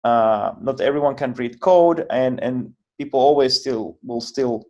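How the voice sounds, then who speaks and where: Halting man explaining. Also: mid-range voice, warm tone, dull audio. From Finland. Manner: halting, frequent word repeats and restarts. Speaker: guest, project founder. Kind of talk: explanatory interview answers.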